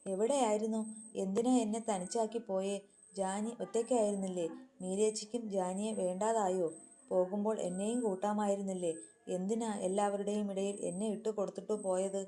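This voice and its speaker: A woman's voice: medium pitch, steady tone, fairly quick, mellow, faint music behind, lightly acted. A woman voicing a grief-stricken young woman who pleads through sobs in a storybook reading. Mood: tearful pleading. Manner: sobbing, pleading questions.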